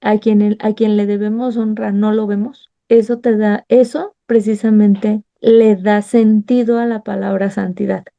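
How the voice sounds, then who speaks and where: A woman with a Mexican accent leads a Bible study, warmly sharing a heartfelt personal testimony and acting out conversations she remembers. Her medium-pitched voice is level and measured with vocal fry and few pauses, and the recording is muffled.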